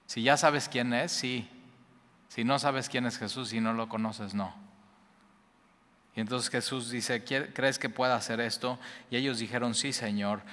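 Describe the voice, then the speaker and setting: A man, preaching a lively conversational sermon that speaks straight to his listeners with asides. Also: medium pitch, a little slow. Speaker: pastor. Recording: reverberant hall.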